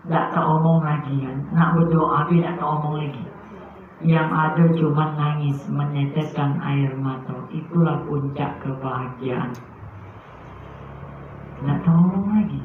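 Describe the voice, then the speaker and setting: A high-voiced man preaches a sermon full of feeling. He drops to soft tones, then pushes out loud, emphatic lines. The sound is thin and phone-like in a strongly echoing room. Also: a little hiss or hum. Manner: emotive, swings from soft to loud emphatic bursts. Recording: very echoey, phone-like muffled sound.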